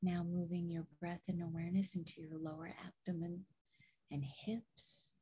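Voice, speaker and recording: A woman host leading a guided meditation in a soft, soothing, breathy manner with long pauses. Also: fairly low pitch, little pitch movement. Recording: dull, lo-fi audio.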